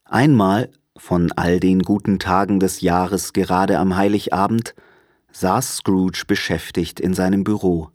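A man narrating an audiobook in a calm, measured storytelling manner. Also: low-pitched, no room sound, clean studio sound. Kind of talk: audiobook reading.

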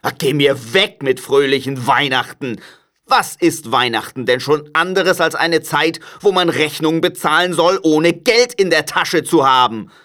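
A man's voice: a little high, unhurried, bright, forceful tone, pitched above the performer's own voice. A man voicing a bitter, stingy old miser in an audiobook reading, grumbling and scornful.

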